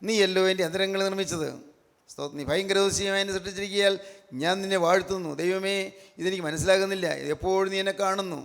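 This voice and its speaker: A man's voice: high-pitched, steady tone, fast talker, fairly bright tone, long reverb tail. A man with a Malayali accent preaching a sermon, repeating his points with emphasis and breaking into praise. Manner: repetitive, emphatic preaching with frequent praise phrases.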